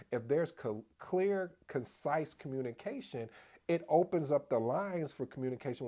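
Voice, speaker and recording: A man hosting a casual explainer video on project management, addressing viewers as family, energetic and prone to restarts. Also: mid-range voice. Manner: restarts and repeats himself as he talks. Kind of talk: casual explainer talk to camera.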